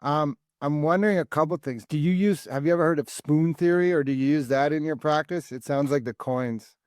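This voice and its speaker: A man's voice: fairly high pitch, fairly quick, dry recording, studio quality. A man hosting a podcast, chatty and affirming, with a few digressions. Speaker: podcast host. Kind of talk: casual podcast conversation.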